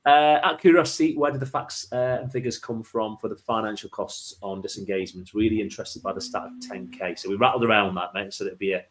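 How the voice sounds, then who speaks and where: A man's voice: lowish voice, fast, few pauses. A man hosting a casual business discussion, repeating words and phrases as he thinks aloud. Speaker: host.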